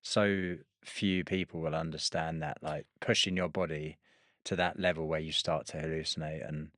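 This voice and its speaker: A man's voice: extremely low pitch, flat delivery, moderate pace, a bit bright, no room sound. A male podcast host asking questions and giving short, encouraging reactions in a casual interview.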